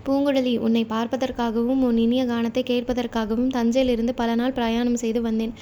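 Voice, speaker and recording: A woman voicing a gentle, devoted young man who sings temple hymns, in a storybook reading with faint hiss. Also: very high-pitched, level tone, moderate pace. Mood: earnest.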